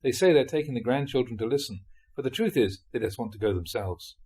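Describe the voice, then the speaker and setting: In an audiobook-style reading of translated Dhamma talks, a male monk speaks quickly in a mid-pitched, mellow, soft-edged voice that's a bit husky and slightly rough. His pitch roams freely, lending the teachings an expressive, storytelling feel.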